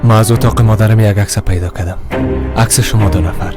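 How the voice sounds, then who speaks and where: A man dubbing an earnest young man in a TV drama, probing with careful questions. His voice is slightly low, with a music score underneath. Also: fairly even intonation, natural voice. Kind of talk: dubbed TV drama. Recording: dubbed over music score.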